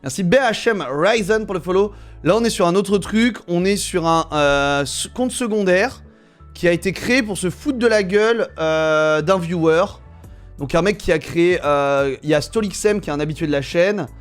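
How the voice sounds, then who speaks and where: A man's voice: high-pitched, moderate pace, soft background music. A man with a French accent, streaming live, mocking and bluntly judging his chat in casual, crude talk.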